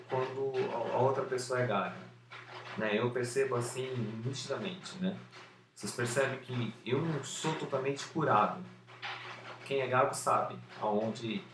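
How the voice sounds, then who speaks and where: A former stutterer speaks unscripted to a camera about how he overcame his stutter, sharing his method slowly with some repeated syllables and lots of fillers. His voice is mid-range. He's in an indoor room with an open window letting in street noise, and the camera sound is roomy and distant with faint background noise.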